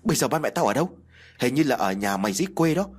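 An anxious young man, played by the male narrator, rushes his words in a shaky voice. The delivery is quick and slightly husky, from a spoken ghost story. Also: medium pitch, expressive. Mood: urgent. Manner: hurried, shaky. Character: anxious young male friend bringing bad news.

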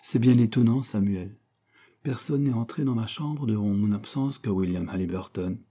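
Worried mill owner, exclaiming and puzzled, read by a male narrator; husky, dark timbre. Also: on the low side, moderate pace. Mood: puzzled, alarmed. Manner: agitated, exclaiming.

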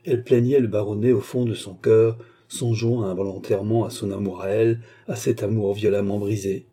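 A man reading a classic novel aloud as an audiobook narrator, with steady, even-paced delivery. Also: lowish voice, a little fast, breathy edge.

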